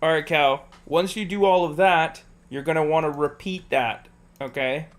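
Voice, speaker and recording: While livestreaming a game, a man patiently talks a friend through it one step at a time, repeating instructions with jokes and laughs between them. His fairly high voice holds fairly even intonation at a moderate pace.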